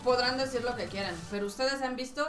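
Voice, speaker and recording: A woman's voice: a little high, fast. Woman, 33, podcast co-host, wry, dismissive, distant from mic, echoey room. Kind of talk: casual group chat. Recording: roomy, off-mic.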